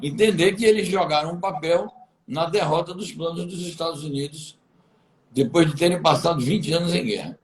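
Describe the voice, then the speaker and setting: A man, speaking as an interview guest in a measured, deliberate way with hesitant restarts. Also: a little high, poor audio. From Bahia, Brazil. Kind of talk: political commentary interview.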